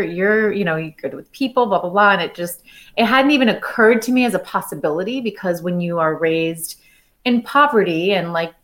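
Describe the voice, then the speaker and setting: A woman's voice: lowish voice, a bit bright. A woman from the United States, a physician and startup founder, speaking enthusiastically as a podcast interview guest. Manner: enthusiastic, chatty.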